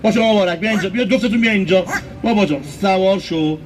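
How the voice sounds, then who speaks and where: There's a little hiss or hum under the high voice of a man from Isfahan, Iran, who presents a comic street puppet show, cajoling the puppets and turning to the audience. Loud music plays outdoors.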